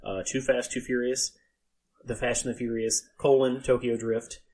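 A man hosting a podcast in casual chat, emphatic and halting, repeating himself and swearing freely. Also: mid-range voice, little pitch movement, a little mellow, poor audio. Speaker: podcast host.

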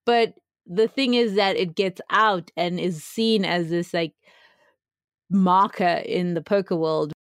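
Young South African woman, casual podcast co-host, lower-pitched, dry close mic. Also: takes it slowly, dry recording. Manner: chatty, laughs often, many fillers.

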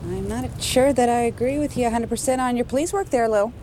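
Brief: friendly, sharp small-town police chief with a Minnesota accent, gently correcting, played by a woman. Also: a little high, fairly quick, slight background noise, close to an everyday voice. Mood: polite. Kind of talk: film dialogue.

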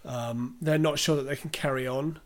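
A man's voice: mid-range voice, steady tone, moderate pace. A man co-hosting a podcast, chatting casually about a film, retelling its scenes and reading out listener questions. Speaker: podcast co-host.

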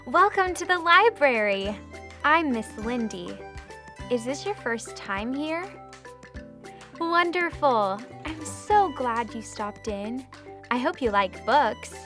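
A young woman with a high, bright voice, talking slowly and sweetly to small children. She has a cheery sing-song manner, and soft music plays underneath. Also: animated. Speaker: children's librarian host. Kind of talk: children's video presenting.

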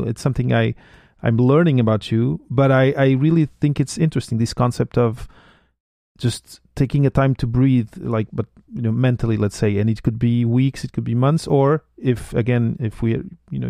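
A man's voice: medium pitch, fairly even intonation, brisk, creaky, mellow, dry recording, clean studio sound. A man hosting a podcast interview, talking in a casual, hesitant way and often repeating words as he thinks. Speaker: podcast host.

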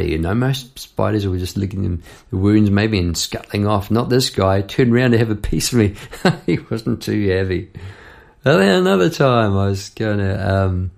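Gravelly New man spinning a yarn. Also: low-pitched, a little mellow. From New Zealand. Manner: chatty, rambling, laughs between lines. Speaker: podcast host and songwriter. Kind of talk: casual storytelling monologue.

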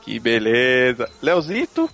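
A man's voice: mid-range voice, sing-song, slow pace, a bit bright, soft background music. A man hosting a podcast in a casual, unscripted live chat. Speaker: podcast host.

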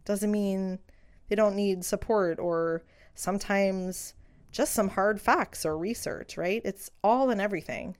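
A middle-aged woman who works as a midwife muses on her beliefs in a solo podcast. Her medium-pitched voice has a clean tone, and she speaks earnestly and unhurriedly with soft fillers.

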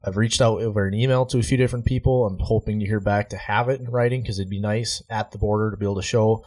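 A man's voice: on the low side, steady tone, fast, darkish tone. A man co-hosting a podcast, explaining things earnestly and casually, with many fillers. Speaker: podcast co-host. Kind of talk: casual chat. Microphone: portable recorder.

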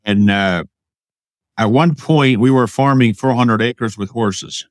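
A man's voice: mid-range voice, takes it slowly, no echo. A man from Pennsylvania, a guest on an interview show, recounting his past in a plain, matter-of-fact way. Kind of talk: casual interview storytelling.

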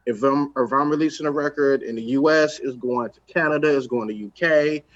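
A man's voice: medium pitch, fairly quick, muffled recording. A man from Los Angeles, a record executive talking in a casual podcast chat, emphatic and streetwise, repeating his points.

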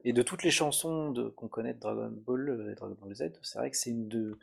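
A man in a casual podcast chat, relaxed and hesitant, who fills his pauses with "euh". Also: medium pitch, creaky, slightly rough. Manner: relaxed, hesitant, many fillers.

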